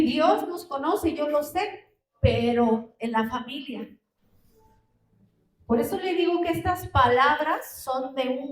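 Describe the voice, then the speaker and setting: Female preacher, high pitched, asks rhetorical questions, recorded from afar in a roomy hall. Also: darkish tone. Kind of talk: sermon. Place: church hall. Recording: roomy hall, distant mic.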